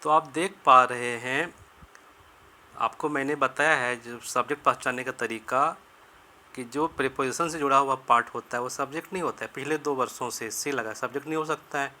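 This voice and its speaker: A man teaching English grammar in Hindi, explaining each sentence step by step and slowing down to spell out the English phrases. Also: medium pitch, steady tone, bright, forceful tone, slight background noise. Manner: repeats and rephrases sentences, asks and answers his own questions. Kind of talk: Hindi-medium grammar lesson.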